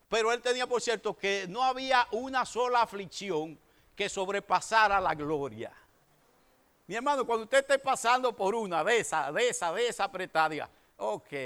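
A man in his sixties preaching a sermon to his congregation, swinging between emphatic raised bursts and quiet asides. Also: very high-pitched, clear, resonant tone. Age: 60s. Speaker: pastor.

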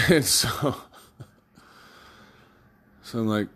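A man's voice: medium pitch, drawn-out words, fairly bright tone, husky. A man talking casually in a loose, rambling monologue, cursing and chuckling as he recounts things. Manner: loose storytelling with swearing and laughs.

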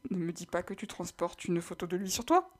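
A woman's voice: on the low side, lively intonation, fairly quick. A woman reading aloud and voicing a blunt, sarcastic young woman. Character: sharp-tongued young woman.

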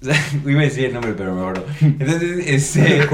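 A young man with a Mexican accent telling a story in casual chat, animated and full of slang. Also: mid-range voice, moderate pace, music in the background. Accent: Mexican Spanish. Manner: animated, laughing, slangy storytelling with shouted reenactments. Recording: echoey room.

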